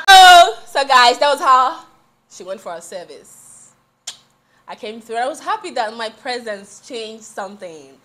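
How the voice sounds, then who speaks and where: A young woman in casual chat, excitable and cutting in on her friend. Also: a little high, slow pace, long pauses. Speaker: vlogger.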